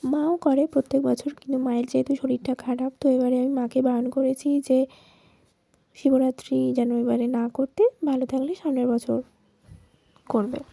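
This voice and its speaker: A woman narrating her daily-life vlog in a quiet, hushed voice, recorded at home while lying in her bedroom. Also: sits high, flat delivery, moderate pace, no echo. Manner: quiet, hushed voice-over with a gravelly edge. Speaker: vlogger. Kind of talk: soft-spoken daily-life vlog voice-over.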